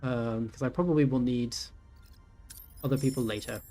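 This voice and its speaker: A gaming YouTuber in his thirties offers casual let's-play commentary, thinking aloud with lots of ums and self-corrections. His voice is medium-pitched and warm at a normal speed, with faint game music in the background.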